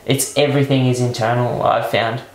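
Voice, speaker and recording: A man talking bluntly on a podcast, swearing now and then as he makes his points. His voice stays flat and even in pitch. The recording has a roomy echo. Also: normal speed, slight background noise. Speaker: podcast host. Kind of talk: casual podcast chat.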